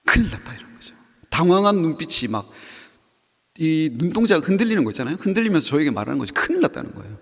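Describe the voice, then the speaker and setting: A man's voice: on the high side, big pitch swings, quick pace, vocal fry, big-room sound. A man preaching a sermon to young adults, telling a story with acted quotes and questions to the audience. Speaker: pastor.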